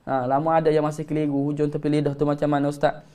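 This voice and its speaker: A man with a Malaysian Malay accent teaching tajwid in a live-streamed lesson, patiently correcting and slowly demonstrating recitation. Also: a little high, completely flat delivery, dark tone.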